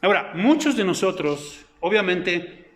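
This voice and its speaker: A man's voice: high voice, big pitch swings, measured pace, fairly bright tone. A middle-aged man preaching a sermon over slides, in a conversational way full of fillers and rhetorical questions. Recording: echoey room.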